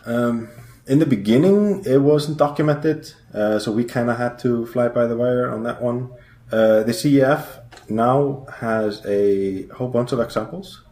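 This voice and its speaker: A guest programmer from Iceland talks in a warm, medium-pitched, unhurried voice during a podcast interview, and the sound is reverberant. He wanders from point to point, hesitating and leaning heavily on fillers.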